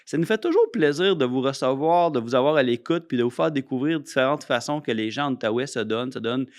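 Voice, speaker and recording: Man, québécois accent, podcast host, chatty with restarts, mid pitch, dry close sound. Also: fast talker, no echo. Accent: Québécois French. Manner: chatty, many restarts and fillers. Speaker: podcast host, foundation CEO. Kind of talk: casual podcast interview.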